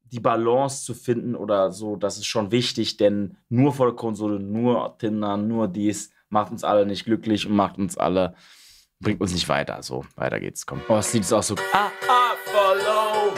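A young man streaming, casually reacting to videos and breaking into high shrieking outbursts. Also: sing-song, normal speed, fairly bright tone, soft background music. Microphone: studio mic on arm, headphones.

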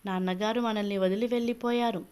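A woman's voice: medium pitch, steady tone, a little fast, a little mellow, clean tone, natural voice. A woman reading as a sorrowful elder brother. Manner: sorrowful and explaining. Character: grieving middle-aged man, the elder brother, explaining his mother's illness.

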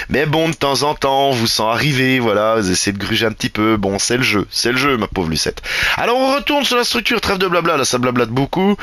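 Chatty, bright-voiced man. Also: medium pitch, no echo. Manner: chatty, rambling, sarcastic asides. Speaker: game builder showing a build. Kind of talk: casual gameplay commentary.

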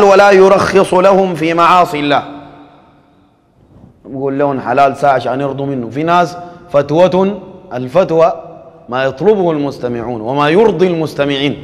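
A man's voice: fairly high pitch, long reverb tail. A man with a Sudanese Arabic accent giving a sermon in a conversational preaching style, acting out quoted dialogue.

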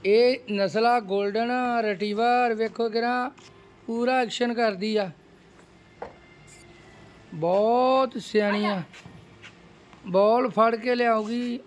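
A man's voice: extremely high pitch, steady tone, slow pace, pauses often, a little hiss or hum. A man, casually coaxing his dog with short repeated commands in a home video. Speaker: dog owner showing his pet.

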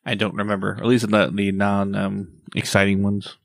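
A man's voice: fairly low pitch, monotone, normal speed, creaky, no echo. A man in his thirties co-hosting a casual podcast, laid-back, swearing casually and trailing off. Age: 30s. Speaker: podcast co-host.

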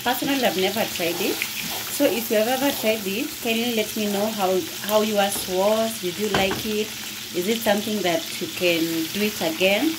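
A woman's voice: mid-range voice, moderate pace, background noise. A woman vlogging from her home kitchen, chatting to her viewers as she cooks. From Kenya. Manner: chatty, talks to viewers while cooking. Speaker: cooking vlogger. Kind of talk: casual cooking narration.

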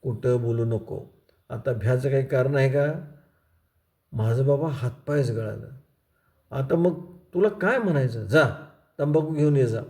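Brief: a man playing an older villager, calm and teasing, rustic and unhurried, mellow tone. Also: medium pitch, lightly acted.

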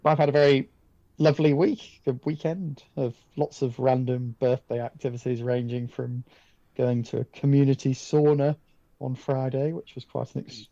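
A man's voice: medium pitch, fairly even intonation, moderate pace, warm tone, no echo, dull audio. A man with a British accent talking casually as a panelist on a podcast. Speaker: writer, broadcaster, podcast panelist.

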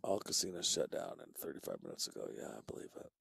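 Man, pool commentator, deep gravelly husky voice, soft-spoken, dry close mic. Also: sing-song, quick pace, no echo. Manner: soft-spoken, often near a whisper, agreeable. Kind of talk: relaxed live play-by-play commentary.

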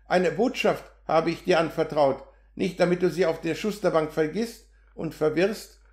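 Man reading impatient male surveyor, sharp, exasperated, audiobook, roomy echo. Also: fairly high pitch, moderate pace, close to an everyday voice.

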